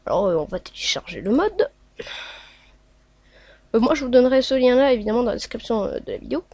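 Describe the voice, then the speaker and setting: A woman's voice: on the high side, big pitch swings, fast talker, darkish tone, husky, no room sound. A woman hosting a casual screen-recorded tutorial, talking along hesitantly with many filler sounds as she clicks through steps. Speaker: tutorial host.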